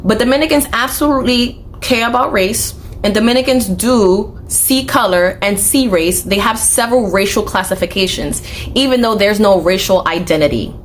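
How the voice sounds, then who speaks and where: A woman's voice: medium pitch, normal speed, slight background noise. Sarcastic, articulate woman commentator. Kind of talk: critical commentary.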